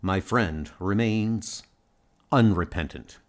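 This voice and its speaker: Resolute male starship captain played by a man, low-pitched and earnest, for a comic-book audio drama. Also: slow. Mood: measured.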